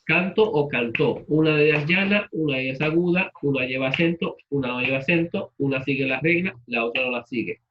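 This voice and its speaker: A man's voice: mid-range voice, quick pace, few pauses, highs cut off. A man teaching a class, repeating students' answers and asking them questions in turn. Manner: patient, repeats answers back and asks questions.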